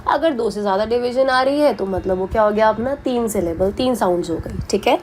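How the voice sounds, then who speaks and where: Patient grammar teacher, female, repeats her examples slowly, lightly raised pitch. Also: darkish tone, a little hiss or hum. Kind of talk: Hindi-English classroom explanation.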